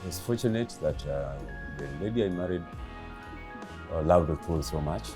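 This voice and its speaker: A man in his fifties with a very deep, low voice answers interview questions, pausing often and filling gaps. A clear music bed runs beneath his words. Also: lively intonation. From Kenya. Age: 50s. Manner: halting, many pauses and fillers. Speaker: interviewee, father of the late comedian.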